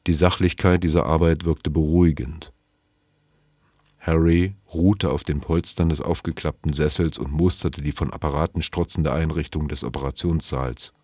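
A man reading a novel aloud in measured, sober, first-person storytelling. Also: rumbling low, fairly even intonation, darkish tone, no room sound, studio quality. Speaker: narrator.

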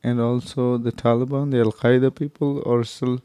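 A man from Afghanistan, answering interview questions in halting, hesitant English. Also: medium pitch, little pitch movement, dark tone, clean tone, no room sound. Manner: halting, hesitant, searching for words.

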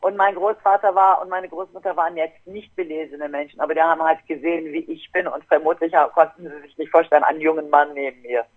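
A woman guest telling a family story casually in a podcast, lively and acting out her relatives. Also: low voice, quick pace, hardly any pauses. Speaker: guest DJ and producer. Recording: tinny phone-like line.

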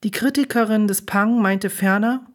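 A woman reading a novel aloud in an even, measured way. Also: mid-range voice. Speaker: audiobook reader.

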